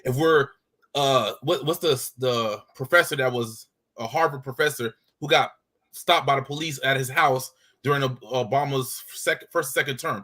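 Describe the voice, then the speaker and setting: A man's voice: medium pitch, normal speed, pushed and bright. A man from the United States with an American accent, calling in to a talk show and making his case with many hesitations and restarts. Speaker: caller. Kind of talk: casual call-in discussion.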